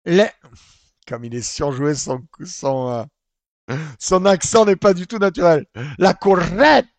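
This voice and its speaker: Excitable, mocking man in lively commentary. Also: on the high side, a little slow, no room sound. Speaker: host reacting to a video. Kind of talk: comedic reaction commentary.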